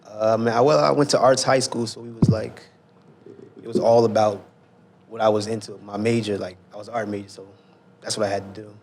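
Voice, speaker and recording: Soft-spoken guy in his thirties. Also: fairly low pitch, level tone, slight background noise. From Newark, New Jersey. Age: 30s. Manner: soft-spoken, halting, trails off quietly. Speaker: guest designer. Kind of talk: casual interview chat.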